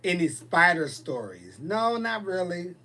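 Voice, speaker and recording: Reading viewer comments during a casual livestream, a man in his forties responds in a blunt, sassy manner. He speaks unhurriedly in a high-pitched voice with big swings in pitch, sounding pushed and bright.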